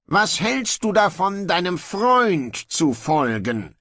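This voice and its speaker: A man voicing a weary, ruthless young king who talks in gruff, dry sarcasm. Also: sits high, sing-song, slow pace, fairly bright tone, dry recording, voice pushed up, exaggerated voice. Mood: sardonic.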